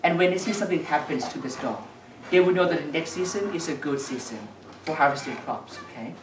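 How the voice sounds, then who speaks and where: With a deep voice and a fairly quick pace, a woman plays magician at a children's party, delivering patter and instructions and questioning the young audience. The recording has a noisy background, an echoey room and a far-off mic.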